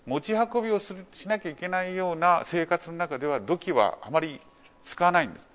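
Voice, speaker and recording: A man from Japan lectures to an audience in a hall. His pitch rises and falls in a lively way, and he steps through each point with frequent fillers. He often turns points into rhetorical questions. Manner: measured explanatory delivery with many fillers. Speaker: lecturer on archaeology. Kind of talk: public lecture.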